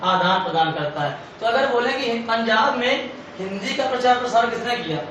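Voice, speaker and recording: A man's voice: extremely high pitch, expressive, moderate pace, fairly bright tone. A man teaching an exam-prep lecture, asking questions and answering them himself, repeating key points. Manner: repetitive, asks and answers own questions. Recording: echoey room, far from mic, faint hiss.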